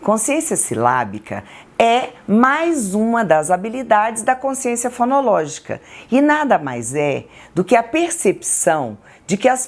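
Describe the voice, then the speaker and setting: A woman with a Brazilian Portuguese accent, a textbook author explaining literacy activities slowly and deliberately. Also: medium pitch. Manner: slow, deliberate, syllable-by-syllable examples. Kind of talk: educational explainer.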